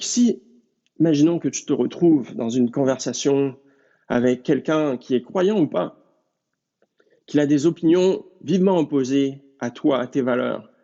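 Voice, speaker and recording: A man preaching a sermon in an earnest, measured way and speaking straight to his listeners. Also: medium pitch, warm tone. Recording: dull lo-fi recording.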